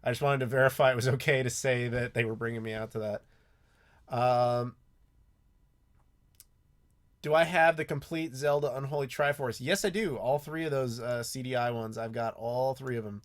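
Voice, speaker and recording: Here an American host from the United States runs a live Q&A on YouTube, speaking informally with frequent ums and restarts. The pitch is medium, the tone steady, the speed normal. His desk microphone also catches a noisy mechanical keyboard.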